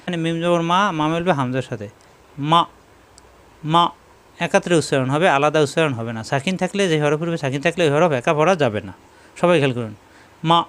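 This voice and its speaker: A man teaching Quran reading, giving slow step-by-step lessons and repeating each sound several times. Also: fairly high pitch, expressive, smooth.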